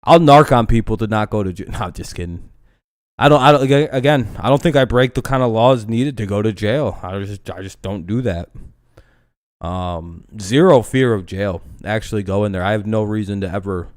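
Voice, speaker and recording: Clean, echo-free studio audio carries a livestream host in his twenties with a lowish voice and moderate pace. His casual talk is rambling and profane, and he keeps interrupting himself to start sentences over.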